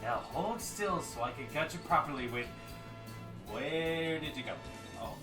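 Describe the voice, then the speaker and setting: A menacing robotic monster with a metallic voice, as a man puts it on while running a tabletop game. The voice sits a little high and comes from some distance off the mic. A roomy echo hangs around it, with faint music playing underneath. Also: expressive, a little slow. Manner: threatening, then panicked when blinded. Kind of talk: game master voicing a creature in a tabletop game.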